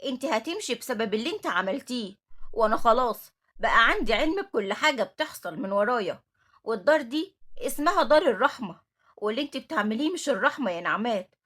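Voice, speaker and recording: A firm, motherly older matron with an Egyptian accent, as a woman reads her part, talking quickly and with authority. Her voice is high and a bit breathy. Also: fairly bright tone. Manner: firm, scolding. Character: stern, motherly older woman who runs an orphanage.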